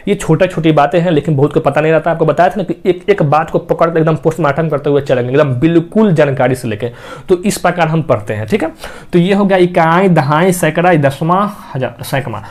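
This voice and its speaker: A man's voice: a little high, fairly quick. A man teaching a maths class, explaining step by step and asking and answering his own questions. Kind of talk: classroom lesson.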